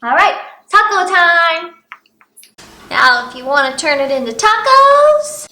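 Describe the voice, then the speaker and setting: Bright, high-voiced chatty woman. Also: very animated, takes it slowly, roomy sound, slight background noise, rough recording. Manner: chatty and upbeat. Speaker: food vlog co-host. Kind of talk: casual food-tasting chat.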